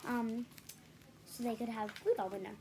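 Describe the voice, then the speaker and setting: A woman reads a children's picture book aloud, dropping in casual explanations for young listeners. Her fairly high voice stays steady at a normal speed against a noisy background.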